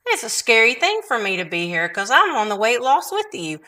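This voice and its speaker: A woman's voice: a little high, very animated, fairly quick, pushed and bright. A woman, hosting a casual talk show and chatting in a rambling way, often restarting her sentences. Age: 60s. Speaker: show host.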